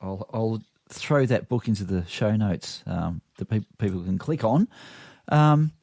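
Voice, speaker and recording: A man's voice: on the low side, measured pace, creaky, mellow, no echo, studio quality. A man hosting a podcast, asking his guest questions in a casual, self-deprecating way. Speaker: podcast host. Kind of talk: conversational podcast interview.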